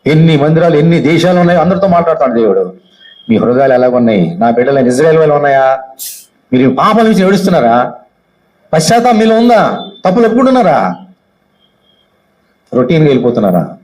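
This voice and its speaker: Emphatic Indian pastor preaching, high-ish voice. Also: male voice, big pitch swings, fast, long pauses, low-quality recording. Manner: questions the congregation often, swings loud and soft with repeated phrases. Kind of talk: sermon with Bible reading. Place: church hall.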